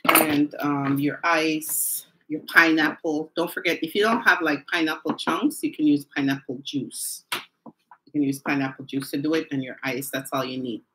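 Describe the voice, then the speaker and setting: A woman's voice: low voice, steady tone, normal speed, pushed and bright, a little hiss or hum, poor audio. A woman hosting a live stream from home, chatting casually, talking straight to her viewers and laughing often. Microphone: phone or camera mic on a live stream.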